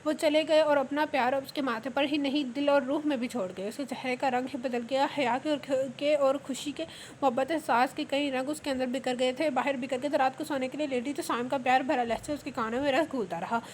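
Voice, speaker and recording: A woman reading a romance novel aloud in a steady voice, often restarting words. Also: high-pitched, fairly quick, slight background noise. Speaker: novel reader.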